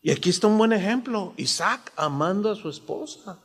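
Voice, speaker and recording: Man, 60s, pastor, animated sermon, high voice, long hall reverb. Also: normal speed, slightly rough. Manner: animated, acts out quoted voices.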